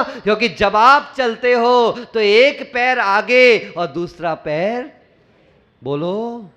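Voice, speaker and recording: A male monk delivering a sermon in a high voice, taking his time over each phrase. He throws rhetorical questions at the listeners and playfully imitates people from his stories. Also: a bit bright. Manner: playful, mimics people in anecdotes. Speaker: monk preacher.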